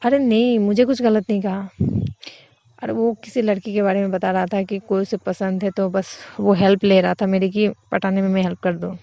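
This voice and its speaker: A woman's voice: medium pitch, flat delivery, moderate pace, dark tone, dry recording, natural voice. A woman voicing a hot-tempered young woman in love who scolds and then turns tender, in a dull, dry lo-fi recording. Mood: annoyed.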